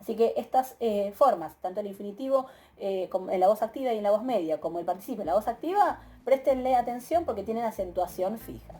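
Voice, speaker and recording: A woman teacher with an Argentine Spanish accent, giving a methodical recorded grammar lecture, often pausing with "eh" and checking in with her students. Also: medium pitch, animated, warm tone. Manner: methodical, explanatory, many filler "eh"s and rhetorical "¿sí?" checks.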